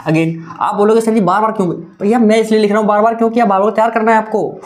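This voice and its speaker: A man's voice: sits high, steady tone, very fast. A young adult man teaching a maths exam-prep lesson, talking in a coaxing, repetitive way and mixing in English terms.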